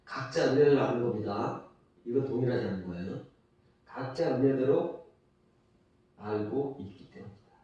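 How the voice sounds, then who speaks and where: A man's voice: medium pitch, normal speed, pauses often, warm tone, highs cut off. A man preaching a sermon as a pastor, emphatic, repeating key phrases and asking rhetorical questions. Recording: distant mic, very echoey church hall.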